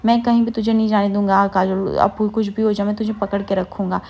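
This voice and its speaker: Woman reading a heartbroken young guy, distraught, quick. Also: mid-range voice, level tone, darkish tone, lo-fi sound, close to an everyday voice. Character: grieving young man, devoted to his wife.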